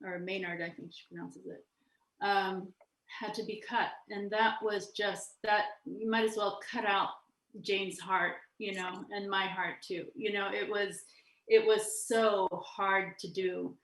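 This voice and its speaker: A woman's voice: medium pitch, fairly even intonation, measured pace, a bit bright. A woman filmmaker talking casually in a festival question-and-answer session, restarting sentences and laughing often. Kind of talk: festival Q&A conversation. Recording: roomy echo.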